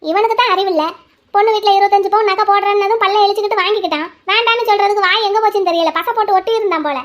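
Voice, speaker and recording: A woman's voice: very high-pitched, steady tone, racing. A woman voicing a bold, outspoken young woman heroine in a cartoon. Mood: defiant. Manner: defiant, outspoken.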